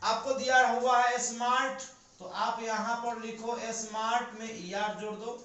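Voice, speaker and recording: A man's voice: extremely high pitch, flat delivery, unhurried, bright, forceful tone, muffled recording. A man teaching a grammar lesson to a class, explaining step by step and answering his own questions. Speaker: English teacher. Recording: very echoey room.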